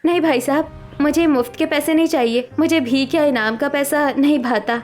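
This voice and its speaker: A woman's voice: high-pitched, normal speed, a little mellow, natural voice. A woman voicing a poor, honest young woman in a cartoon story who speaks in an earnest, pleading way. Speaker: cartoon character.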